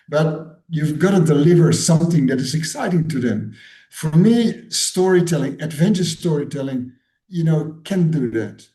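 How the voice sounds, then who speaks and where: There's a roomy echo around this medium-pitched, dark-toned man. He's a Dutch-born guest author and educator in his sixties, thoughtfully responding to interview questions and often repeating words as he feels for his phrasing.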